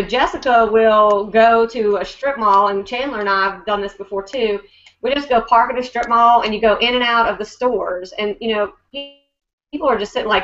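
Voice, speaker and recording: A woman coaching her sales team in an upbeat, chatty way, her talk full of fillers. Her voice sits at a medium pitch. The recording sounds dull and lo-fi. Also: fairly bright tone. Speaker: network marketing team leader.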